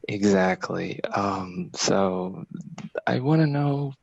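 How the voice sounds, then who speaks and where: A man from Algeria calling in to a show, excited and halting, with many fillers, on dull lo-fi call audio. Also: medium pitch, creaky, dry recording. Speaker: caller. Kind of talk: call-in conversation.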